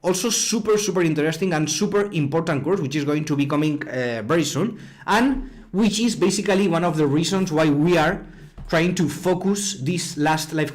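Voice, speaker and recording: Spanish guy teaching a live coding class, chatty, slightly high voice, repeats himself a lot. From Spain. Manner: chatty, repeats words, reads chat comments aloud. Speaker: online robotics instructor.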